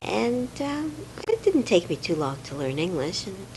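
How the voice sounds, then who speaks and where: An older woman from Romania, recalling her childhood in a hesitant, reflective home interview with many pauses and fillers. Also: medium pitch, sing-song, a little hiss or hum, rough recording. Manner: hesitant, many fillers, soft trailing words.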